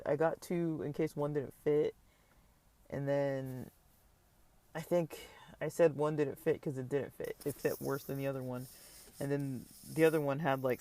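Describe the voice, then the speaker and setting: A man's voice: medium pitch, moderate pace, a little mellow. A tired man rambling casually through a vlog update about his online store, with lots of fillers and restarts. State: tired, yawning. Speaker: online seller vlogger.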